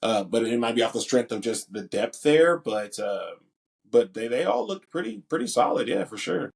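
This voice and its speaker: A man's voice: mid-range voice, sing-song, normal speed, gravelly. A young man co-hosting a casual sports podcast, talking in loose, slangy bursts full of fillers. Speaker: podcast co-host.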